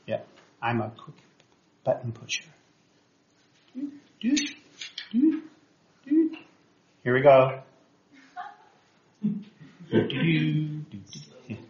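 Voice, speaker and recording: A man leads a church class in an easygoing, conversational way, full of "um"s and quick self-corrections. His voice sits in a middle register and carries a roomy echo. The recording sounds dull and lo-fi. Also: medium pitch, a little hiss or hum. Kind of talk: teaching a class on sharing faith.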